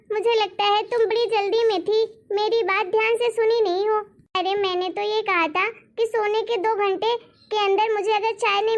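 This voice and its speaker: A woman voicing a scheming, complaining mother-in-law in a cartoon story, nagging and blaming. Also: very high voice. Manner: nagging, complaining, blames others. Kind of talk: animated cartoon voice acting.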